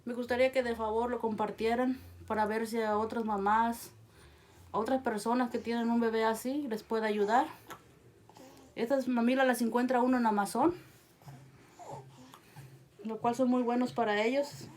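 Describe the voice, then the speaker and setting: A woman, a mother, talking casually to the camera at home while gently coaxing her baby to feed, filmed on a phone someone else holds. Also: on the high side, fairly even intonation, normal speed, long pauses. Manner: soft coaxing, repeats endearments to the baby. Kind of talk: casual home video talk. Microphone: phone held by someone else.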